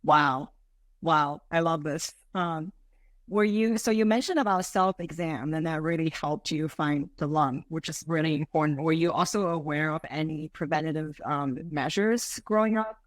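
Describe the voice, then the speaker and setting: An interviewer asking questions and responding with warm, affirming reactions. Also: medium pitch, normal speed, dry recording, clean studio sound.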